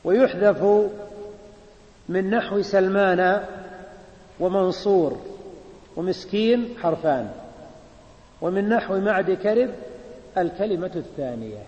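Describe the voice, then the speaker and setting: A man teaching a classroom grammar lesson, slow and emphatic, repeating key words and checking that students follow. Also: sits high, a little mellow. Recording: echoey hall, dull lo-fi sound.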